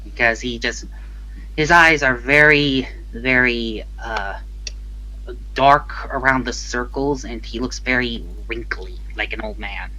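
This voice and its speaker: A man narrates a tabletop game as game master in a bright, forceful voice. He is casual and halting, with a giggly streak. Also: mid-range voice, poor audio.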